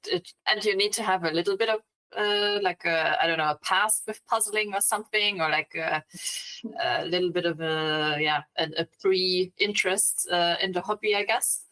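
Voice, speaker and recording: A woman's voice: on the low side, sharp tone, low-quality recording. A woman hosting a video call chat, rambling encouragingly with many fillers.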